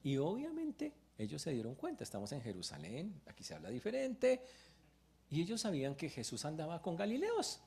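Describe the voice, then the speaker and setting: A man preaching a sermon as pastor in church, retelling a story with lively exclamations. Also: fairly high pitch, moderate pace, gravelly.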